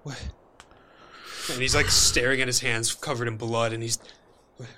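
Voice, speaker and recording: Bright-toned guy playing an rpg, telling what his character does. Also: medium pitch, little pitch movement, brisk, a little hiss or hum. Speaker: player. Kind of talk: tabletop game play.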